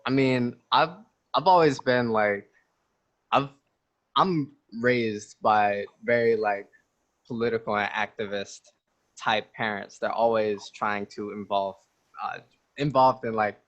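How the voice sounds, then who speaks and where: A man's voice: fairly low pitch, fairly bright tone, highs cut off. A 19-year-old man chatting casually as an interview guest, joking, laughing often and rambling with restarts.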